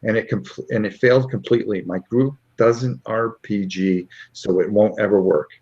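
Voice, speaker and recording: A man's voice: fairly low pitch, steady tone, moderate pace, a little mellow. A man from Connecticut hosting a casual live-stream interview, rambling and tripping over names. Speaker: live show host. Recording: dull lo-fi stream audio.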